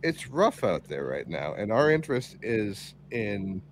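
A man's voice: lowish voice, big pitch swings, a little slow, a little hiss or hum. A man playing a tabletop game, casual and easygoing as he speaks for his character. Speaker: player. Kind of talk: tabletop role-play chat.

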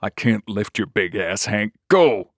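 A man voicing a gruff small-town sheriff who barks urgent orders. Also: fairly low pitch, measured pace, no room sound, studio quality. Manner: barking, urgent.

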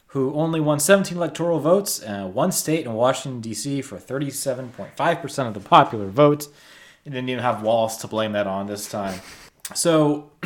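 A man co-hosting a podcast, explaining historical background in a steady, storytelling way with occasional light laughs. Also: mid-range voice. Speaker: podcast co-host. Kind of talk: casual podcast chat with history recaps.

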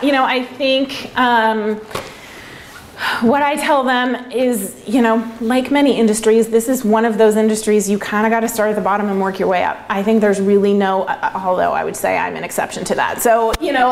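A woman's voice: a little high, moderate pace. A woman giving casual, reflective answers in an interview, talking in a conversational way. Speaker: interviewee, winemaker.

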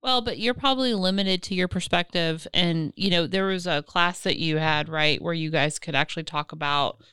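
A woman's voice: low-pitched, a bit bright, clear, resonant tone, dry recording. A woman in her forties co-hosting a casual family podcast, chatty and prompting the others with follow-up questions. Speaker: podcast co-host, mother.

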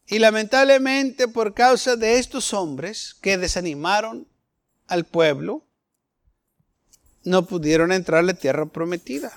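A man with a high voice preaches a sermon in an animated, slightly slow delivery. He is fervent, fires rhetorical questions at the congregation, and acts out the voices of the people he quotes.

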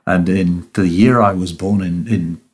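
A man's voice: deep voice, steady tone, unhurried, a little mellow. New man telling self-deprecating stories. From New Zealand. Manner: self-deprecating storyteller, frequent restarts, laughs at himself. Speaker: guest. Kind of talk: casual interview chat.

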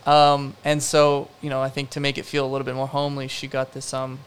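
A man's voice: mid-range voice, monotone, fairly quick, a little hiss or hum. A young man, a production designer, answering interview questions in a rambling, casual way full of fillers and self-deprecating asides.

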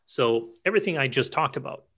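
A man with a bright, forward voice walks through technical settings as an invited expert. He talks with eager enthusiasm, piling detail upon detail in a conversational way. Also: medium pitch, expressive, husky. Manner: enthusiastic, rapid-fire explainer. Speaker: cloud security expert guest.

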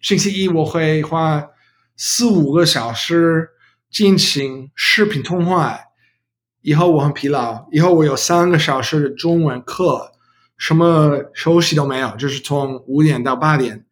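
A man's voice: fairly high pitch, unhurried. A native English-speaking man chatting casually in Mandarin as a foreign learner, with a foreign accent and non-native phrasing. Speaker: podcast participant, Mandarin learner. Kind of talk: casual conversational talk.

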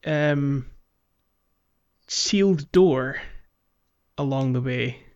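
A casual male podcast host explains things in a game walkthrough chat, guiding the conversation with questions. His mid-range voice is extremely slow with a darkish tone, and the lo-fi audio is slightly muffled.

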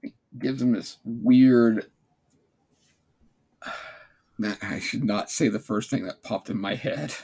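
Casting: male co-host, raspy mid-range voice, informal, halting and jokey reactions. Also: mid-range voice, mellow. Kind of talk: casual reactive commentary.

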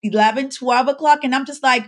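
Speaking briskly in a high voice, a Bahamian pharmacist and life coach shares her story as a podcast guest. The conversation is a casual interview, and she performs the lines she quotes.

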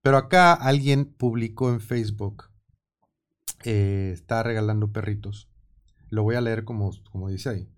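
A man with a Mexican Spanish accent hosting a casual radio studio chat, talking in quick, animated bursts. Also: on the low side. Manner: animated, quick, laughing often. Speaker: radio show host.

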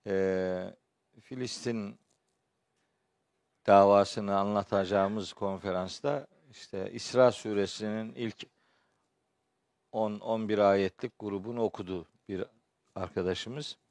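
A man giving a religious lecture as a teacher, his voice hoarse and strained, phrasing deliberately with pauses. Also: lowish voice, fairly even intonation, darkish tone, dry recording. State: hoarse from shouting the day before, clearing his throat often. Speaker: Quran teacher and preacher. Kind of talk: spoken religious lecture with verse commentary.

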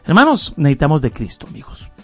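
A man's voice: a little high, wildly swooping pitch, fast talker, a bit bright, husky, faint music behind. A man hosting a faith interview, reflective and encouraging as he asks questions. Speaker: host.

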